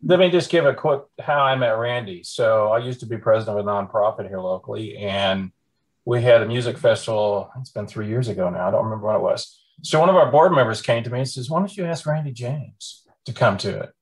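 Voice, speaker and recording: A man's voice: lowish voice, quick pace, poor audio. A man co-hosting a podcast, chatting casually and telling a story. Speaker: podcast co-host.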